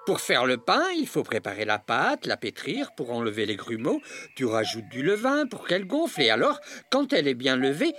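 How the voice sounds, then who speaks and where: Jolly farmer for a storybook, patient explainer, bouncy voice, soft music behind, as the reader puts him on. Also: normal speed. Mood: teasing. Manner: lively, explaining with raised pitch. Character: cheerful, patient adult farmer, man. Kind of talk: storybook reading.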